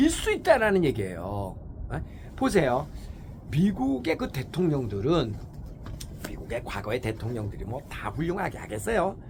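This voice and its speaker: A man hosts a morning show with a casual, rhetorical opinion monologue, constantly checking in with his viewers. His intonation is lively and swings widely as he acts out other people's voices. A faint hum of noise sits behind him. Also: a little high. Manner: animated, rhetorical, keeps asking "eh?" to the audience. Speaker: host of a morning talk show.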